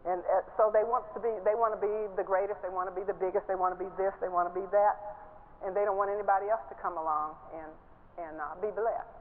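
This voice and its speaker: An older woman preaching a sermon from a church stage, lively and laughing as she stresses her points. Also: fast talker. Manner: animated, laughing, rising pitch when stressing points. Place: large church stage, indoors. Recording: tinny phone-like broadcast sound with faint hiss.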